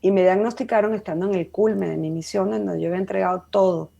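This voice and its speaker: A woman in her fifties with a Venezuelan accent, a psychologist speaking as an interview guest in a warm, heartfelt way. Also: medium pitch, fairly even intonation, fast, vocal fry, highs cut off. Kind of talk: interview conversation.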